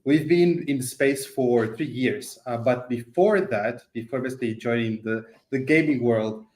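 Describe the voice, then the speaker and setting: Guy pitching his company in an interview, non-native phrasing, average pitch, echoey call. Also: normal speed, darkish tone, slight background noise. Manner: explanatory, non-native English phrasing, repeats filler words. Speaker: game studio CEO, interview guest.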